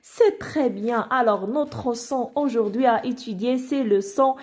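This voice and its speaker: A woman teacher leads young children through a reading lesson at a slow, patient pace. She asks each question, supplies the answer herself, and praises it warmly. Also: on the high side.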